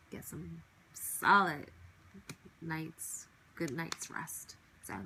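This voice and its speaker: Woman, podcast host, home recording, reflective and heated by turns, swears freely, low-pitched, bright tone. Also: slight background noise, low-quality recording. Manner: reflective, drifting between soft musing and heated venting. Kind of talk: casual personal monologue.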